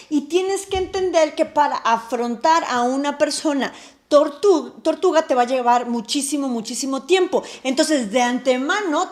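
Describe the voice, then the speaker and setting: A woman hosting an advice video, animated, posing rhetorical questions and answering them herself. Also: high-pitched. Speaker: advice vlog host. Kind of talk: talking-to-camera advice lesson.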